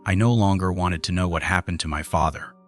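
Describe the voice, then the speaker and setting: Deep-voiced man narrating a horror story. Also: fairly quick, fairly bright tone, soft background music. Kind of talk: scripted first-person horror narration.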